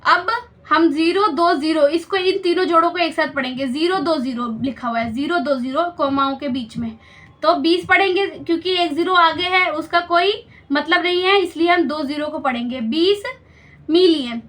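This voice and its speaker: Lady maths teacher, really high bright voice, patient step by step explaining. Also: moderate pace. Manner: patient, explains each step and checks with questions.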